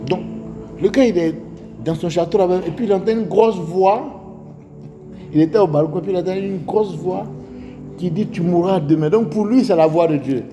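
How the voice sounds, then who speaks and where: Speaking at a normal speed with a high voice and long pauses, a preacher with an Ivorian French accent delivers a sermon full of stories and rhetorical questions. The hall is echoey, and faint music plays.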